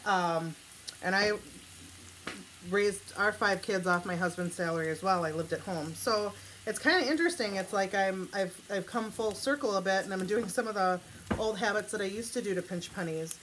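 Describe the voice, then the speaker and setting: A middle-aged home cooking vlogger from Wisconsin chats casually with a Wisconsin accent as she cooks, rambling with plenty of fillers between her kitchen and dining table. Her voice is medium-pitched and a bit bright at a moderate pace. The audio is poor, with slight background noise.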